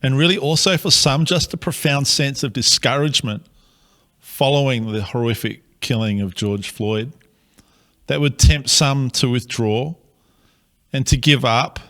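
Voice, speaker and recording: A pastor with an Australian accent addresses his city slowly, earnestly and in a measured way. His voice is mid-range with a fairly bright tone.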